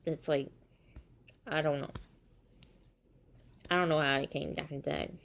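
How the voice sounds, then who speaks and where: A woman's voice: low-pitched, steady tone, a little slow, gravelly, slight background noise. A woman chatting casually as she plays a mobile game on her stream, talking in a chatty way and breaking into surprised exclamations.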